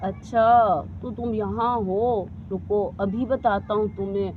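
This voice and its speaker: A gruff young brother voiced by a woman scolds and chases a rat in a homemade doll story. The voice is pushed lower than the narrator's own. The recording is dull, with loud noise underneath. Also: steady tone, measured pace, natural voice. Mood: scolding. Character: brisk young man chasing a rat.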